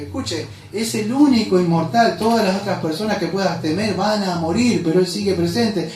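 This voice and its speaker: High-voiced man preaching in an echoey hall. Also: darkish tone, recorded from a distance. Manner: emphatic preaching, rhetorical questions to the congregation. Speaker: pastor. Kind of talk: sermon. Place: church hall. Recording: echoey church hall, voice from off mic.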